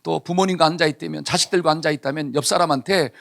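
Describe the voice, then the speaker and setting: A man's voice: on the high side, steady tone, fast talker, creaky, a bit bright. A male pastor preaching a sermon, telling a story and asking the congregation questions that he answers himself.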